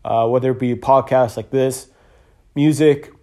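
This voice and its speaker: A man's voice: medium pitch, fairly even intonation, a little slow, dark tone. Earnest rambling man hosting a podcast. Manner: rambling and earnest, many fillers and restarts. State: tired, yawning. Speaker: podcast host. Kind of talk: casual solo podcast monologue.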